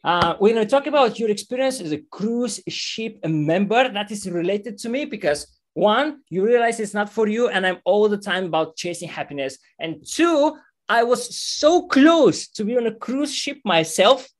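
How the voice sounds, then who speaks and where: A man's voice: sits high, lively intonation, normal speed. A man hosting a podcast, eagerly chatting with and questioning his guest. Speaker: podcast host. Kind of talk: casual interview.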